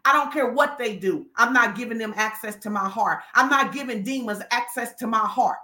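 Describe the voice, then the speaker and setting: A woman with a fairly high, bright voice delivers a forceful sermon at a moderate pace. Her words echo through the church hall as she declares and commands, her congregation answering in call-and-response.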